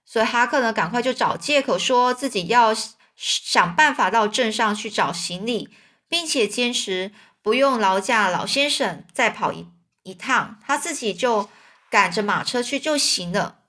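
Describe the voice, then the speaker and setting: A woman's voice: on the high side, expressive, unhurried, pushed and bright. A woman, reading a children's story aloud in a chatty way and explaining words as she goes.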